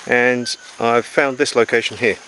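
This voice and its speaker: A man's voice: medium pitch, steady tone, a little slow, bright, forceful tone, rough recording. A man recording a casual survival diary outdoors in the jungle, explaining things to camera in an unscripted, methodical, matter-of-fact way. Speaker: survival diarist presenting to camera. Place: outdoors in jungle beside a river. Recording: faint insect noise, outdoor jungle ambience. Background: jungle ambience with crickets and insects.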